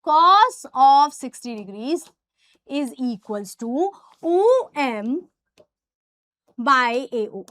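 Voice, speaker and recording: A woman's voice: high voice, sing-song, drawn-out words, long pauses, a bit bright, no room sound. A woman with a North Indian accent teaching maths, explaining step by step and emphatically putting questions straight to her students. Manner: emphatic, addresses students directly. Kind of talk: explanatory lesson with rhetorical questions.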